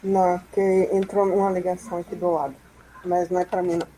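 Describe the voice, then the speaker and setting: A woman from Salvador, speaking as a guest on a video call in a halting, thoughtful way with many restarts. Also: fairly low pitch, level tone, warm tone, a little hiss or hum, poor audio. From Salvador, Brazil. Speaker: guest panelist. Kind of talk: casual live-stream discussion.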